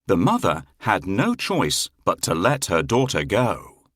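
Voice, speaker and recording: A man reads a fairy tale to children with theatrical flair, his lowish, fairly bright voice moving very slowly through huge pitch swings. The recording is dry, with no echo.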